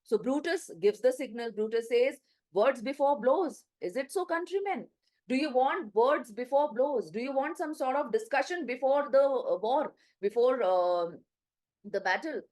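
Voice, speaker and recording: A woman's voice: high-pitched, measured pace, darkish tone, rough recording. A woman teacher with an Indian English accent, explaining a play line by line, reading quotes and paraphrasing them with many fillers. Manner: reads quotes then paraphrases in plain words, many "uh" and "you know".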